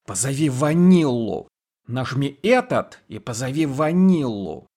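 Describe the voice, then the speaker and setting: A man's voice: mid-range voice, sing-song, measured pace, darkish tone. A man voicing a scheming female ruler who speaks in a honeyed, mocking way. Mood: sly.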